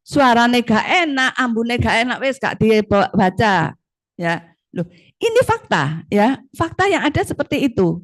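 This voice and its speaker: A middle-aged woman giving a conversational law lecture, often checking in with her students. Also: fairly high pitch. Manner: lively, conversational, frequent tag questions. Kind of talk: classroom lecture.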